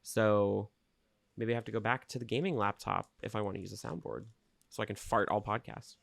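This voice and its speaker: A man's voice: lowish voice, a little fast, gravelly, dry recording. A man co-hosting a podcast, chatting casually and telling stories from his week. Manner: chatty storyteller. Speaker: podcast co-host. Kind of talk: casual chat. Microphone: home computer recording setup.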